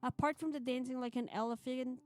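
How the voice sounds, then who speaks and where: With a voice that sits high, a steady tone and a slightly fast, slightly mellow delivery, a woman streams live, reading a visual novel expressively between playful, self-deprecating chat. Background music plays behind her.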